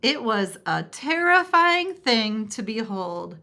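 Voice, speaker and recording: A woman reading a children's picture book aloud, telling the story expressively. Her voice is bright and fairly high, with a lively melody. She takes an unhurried, slow pace. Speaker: storybook reader.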